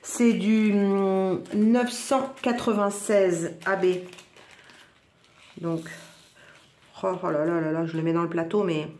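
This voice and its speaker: A woman's voice: medium pitch, fairly even intonation, takes it slowly, long pauses, mellow. Enthusiastic northern French woman, roomy echo. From northern France. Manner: chatty and enthusiastic, full of little exclamations. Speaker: crafts vlogger. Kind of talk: casual product unboxing.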